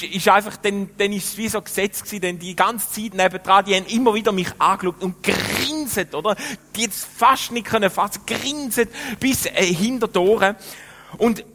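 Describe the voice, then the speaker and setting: A middle-aged pastor with a Swiss German accent, telling a rambling, lively story in a sermon, full of fillers and restarts. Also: male voice, high voice, in a large hall.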